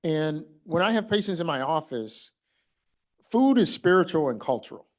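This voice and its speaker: A man from Mississippi giving an animated, conversational conference talk as a kidney doctor, acting out what he tells patients. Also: on the high side, normal speed.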